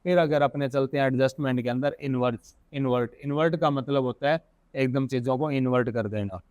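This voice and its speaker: A man with an Indian accent teaching software in a casual screen-recorded tutorial, thinking aloud and correcting himself as he goes. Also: mid-range voice, a little fast, dry recording. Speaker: software instructor.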